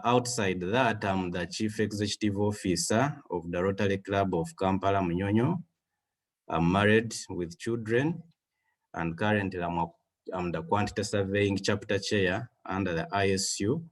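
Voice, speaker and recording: A man in his thirties from Western Uganda with a Ugandan English accent, giving a measured webinar presentation with frequent fillers over a video call. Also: low-pitched. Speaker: guest speaker.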